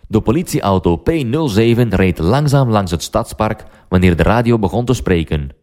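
Low-voiced man narrating slowly. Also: darkish tone. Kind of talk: slow scripted story narration for learners.

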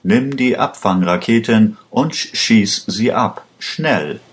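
A man voicing an endangered young hero in a slowly read German storybook, raising his pitch and sounding urgent and pleading. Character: young man in danger, urgent and quick-witted.

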